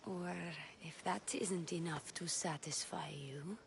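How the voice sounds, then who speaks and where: Woman playing a sly, poised priestess, measured and theatrical. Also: medium pitch, a little hiss or hum, close to an everyday voice. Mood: persuasive. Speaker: game character. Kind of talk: video game voice acting.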